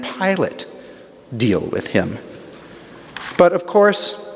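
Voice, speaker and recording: A man performing a theatrical monologue as a proud, paranoid, scornful biblical king, pompous, sardonic and deliberate, in a church. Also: on the high side. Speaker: amateur actor in church monologue. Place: large church, live performance. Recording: reverberant church hall.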